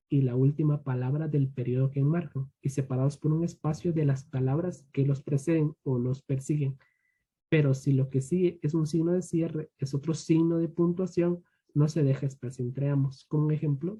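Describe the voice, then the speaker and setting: A young man from Guatemala, a student teacher giving an online grammar lesson. He reads rules aloud and then adds slow asides to his students. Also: a little high, dark tone, husky.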